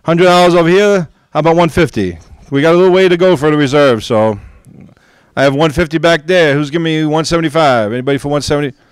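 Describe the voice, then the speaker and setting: High, smooth-voiced man calling auction bids. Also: no room sound. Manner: upbeat, coaxing, rapid-fire bid calls. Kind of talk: live auction bid calling. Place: gaming convention event.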